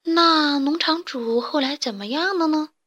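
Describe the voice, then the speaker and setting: Woman doing a high, curious little chick boy for a storybook, wide-eyed. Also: a little slow, bright, forceful tone. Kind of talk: storybook character voice.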